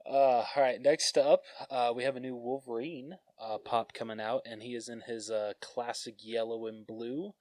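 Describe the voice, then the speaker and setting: A man co-hosting a relaxed podcast, rambling a little as he talks and laughing at himself. His voice sits at an ordinary pitch and is recorded dry and close, with no room around it. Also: normal speed, few pauses, no echo. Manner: rambling, self-deprecating, laughs often. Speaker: podcast co-host. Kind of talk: casual chat.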